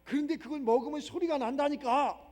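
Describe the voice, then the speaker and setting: High-pitched male pastor preaching with insistent repetition; reverberant sanctuary. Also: a little fast, darkish tone. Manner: emphatic, repetitive preaching with rhetorical questions. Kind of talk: sermon. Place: church sanctuary. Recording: long reverb of a church hall.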